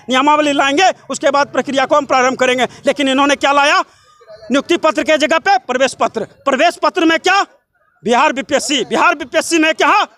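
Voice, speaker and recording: Young man, very high voice, Bihari accent, sharp and forceful, breathless run-on protest speech, repeated rhetorical questions. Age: young adult. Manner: breathless run-on delivery, piling up clauses. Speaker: job candidate and protester being interviewed. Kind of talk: impassioned interview tirade.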